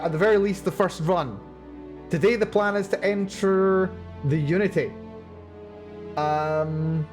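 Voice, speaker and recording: Man, higher voice, live gameplay commentary, chatty, musing tangents, faint music behind. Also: darkish tone. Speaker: let's play streamer.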